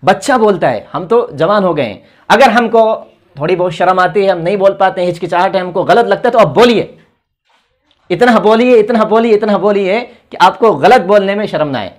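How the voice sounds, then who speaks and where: An animated, high-pitched man from India runs a spoken English grammar lesson. He reads example sentences out slowly, translating each in turn, then shares some encouraging advice.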